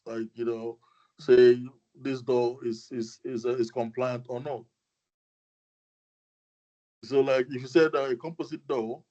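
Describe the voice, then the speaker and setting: A man's voice: mid-range voice, darkish tone. Hesitant man questioning on a video call. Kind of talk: asking questions in a meeting. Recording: slightly dull video call audio.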